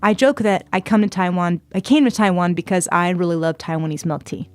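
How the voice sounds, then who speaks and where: A woman's voice: lowish voice, fairly quick, over loud music. A woman in her twenties from San Diego telling her own story as a podcast guest, chatty and full of fillers. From San Diego, California. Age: 20s. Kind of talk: personal storytelling interview.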